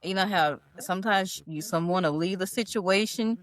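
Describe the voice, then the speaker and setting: A woman's voice: mid-range voice, normal speed, no room sound. Woman asking pointed podcast questions. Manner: probing, asks pointed questions. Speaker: podcast co-host. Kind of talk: casual group discussion.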